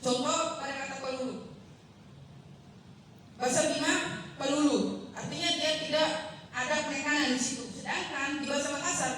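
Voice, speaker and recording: A young woman giving a seminar presentation, halting and apologetic, with many fillers and self-corrections. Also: high voice, steady tone, fairly bright tone, a little hiss or hum. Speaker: student presenter. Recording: very echoey room, voice from far off.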